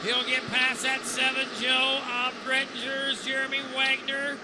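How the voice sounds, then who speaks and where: A man gives live motorsport commentary as a dirt-track style race announcer. His voice sits very high and stays on a level, flat line as he runs through positions in clipped phrases. Loud race car engines roar behind him. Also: unhurried, noisy background.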